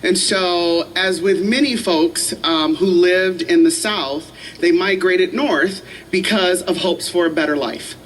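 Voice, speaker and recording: A woman from Michigan, a pastor, telling her story on a panel in a university chapel in a slow, joking manner. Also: on the low side, far from the mic, a little hiss or hum, low-quality recording. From Michigan, USA.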